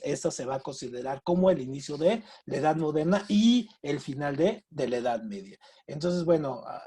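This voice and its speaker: A man leads an informal cultural workshop and tells stories in an animated way. His voice is husky and mellow, fairly high for a man. He often ends his lines with tag questions. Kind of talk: informal lecture with storytelling.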